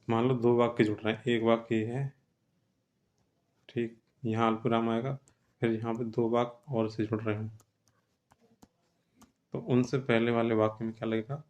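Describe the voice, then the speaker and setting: A man's voice: mid-range voice, a little mellow. A man teaching an exam-prep grammar lesson, explaining step by step and often checking with "theek hai".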